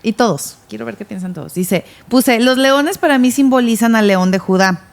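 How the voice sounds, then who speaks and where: A woman's voice: fairly high pitch, expressive, normal speed, vocal fry. Woman, podcast co-host, earnest casual Bible talk, reads from her notes, stumbles and restarts a little. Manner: earnest, reads from her notes, repeats words when starting.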